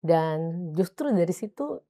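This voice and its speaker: Woman host, slow careful questions, low husky voice. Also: lively intonation, dark tone. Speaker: interviewer, host. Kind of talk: interview questions and backchannels.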